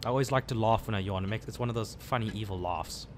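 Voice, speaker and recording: A man's voice: on the low side, fast, a little hiss or hum. A man from South Africa giving casual live commentary while playing a video game, muttering his reactions as he plays. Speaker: gaming channel host.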